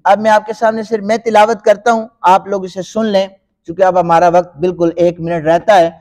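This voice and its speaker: A male Quran teacher giving a tajweed lesson, explaining step by step and stretching words out in slow recitation. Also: high-pitched, flat delivery, a little mellow. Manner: explains slowly, then recites in long drawn-out chanting.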